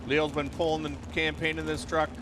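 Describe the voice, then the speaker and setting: A man's voice: fairly high pitch, little pitch movement, normal speed, background noise. A man announcing a tractor pull in a folksy way, calling and repeating figures.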